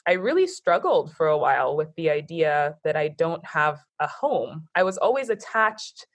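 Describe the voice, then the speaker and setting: A woman's voice: sits low, very animated, moderate pace. A woman with an American accent, a guest talking thoughtfully in a casual conversation, with frequent fillers. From born in Japan, Nigerian, raised in the US.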